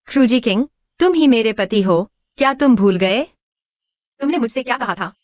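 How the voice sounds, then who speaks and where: A woman's voice: fairly high pitch, expressive, moderate pace, a little mellow, no room sound, dull audio, close to an everyday voice. An actress as a tipsy young woman pleading with her crush. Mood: drunk, pleading. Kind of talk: dubbed short drama.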